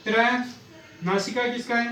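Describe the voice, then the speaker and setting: A high-pitched man gives an exam-prep lesson. He recites grammar rules in a slow, chanting way and drills the likely questions again and again. His voice echoes around a room, some way off the mic, with faint ambient noise behind. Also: fairly even intonation, bright, forceful tone, far from the mic, faint music behind. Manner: methodical, repeats exam questions and answers; chants Sanskrit sutras slowly. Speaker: Sanskrit grammar teacher.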